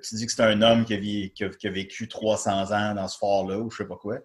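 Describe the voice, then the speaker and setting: A man's voice: on the low side, level tone, fairly quick. A man with a Quebec accent in casual commentary as a co-host, repeating words as he thinks aloud.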